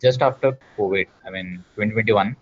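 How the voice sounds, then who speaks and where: Male, Kannada Indian accent, lower register, casual participant on a slightly muffled online call. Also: a little fast, slightly rough. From Bangalore, India. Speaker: participant, performance marketer. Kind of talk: casual chat. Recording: dull lo-fi call audio.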